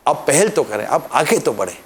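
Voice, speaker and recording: A male preacher giving an impassioned Islamic sermon, pleading with listeners and dropping to soft, earnest tones. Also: medium pitch, big pitch swings, creaky, a little hiss or hum.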